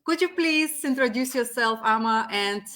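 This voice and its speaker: A woman's voice: a little high, lively intonation, moderate pace, fairly bright tone. A woman co-hosting a live video chat, friendly and slightly hesitant as she introduces guests. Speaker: co-host. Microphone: video call.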